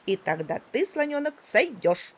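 A woman's voice: a little high, sing-song, measured pace, slightly rough, heavily acted. A woman voicing a practical, bossy male parrot who speaks in a firm, commanding way. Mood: matter-of-fact, bossy.

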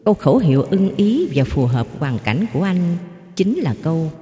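An expressive storyteller whose pitch swings widely, in a mellow, dark tone. The reading rings in an echoey room with a long reverb tail. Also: moderate pace. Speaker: narrator. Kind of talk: dramatic storytelling.

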